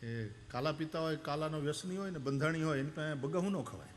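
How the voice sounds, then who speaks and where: This religious storyteller speaks quickly in a fairly high pitch. His devotional sermon is animated and full of anecdotes, with quoted voices acted out and verses sung.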